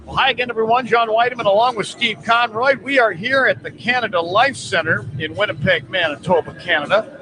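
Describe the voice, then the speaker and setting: A male play-by-play broadcaster hosting a hockey pregame radio show from an arena booth, reading sponsor lines briskly. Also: sits high, sharp tone. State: recovering from lost voice after a cold. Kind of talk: pregame sports radio talk. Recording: noisy arena radio feed.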